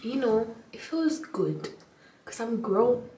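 A woman around twenty, vlogging in casual chat with friends in a small bathroom, giggly and excitable. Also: a little high, takes it slowly, a little hiss or hum. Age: 20s. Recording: echoey room from a distance.

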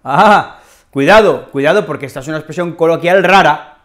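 Spanish lady teacher, accent from spain, super expressive, repeats stuff, acts out examples. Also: low voice, moderate pace. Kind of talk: teaching a language lesson.

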